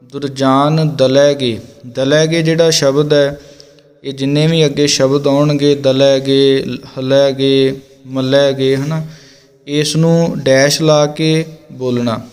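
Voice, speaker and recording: A man teaching scripture recitation, calmly explaining pronunciation line by line and sounding out words slowly and deliberately. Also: mid-range voice, in a large hall.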